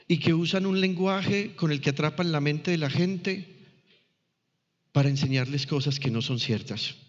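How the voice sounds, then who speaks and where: A man's voice: a little high, normal speed. A man preaching a sermon, teaching the congregation and often checking in with them through questions. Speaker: pastor. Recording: long reverb, dull lo-fi church recording.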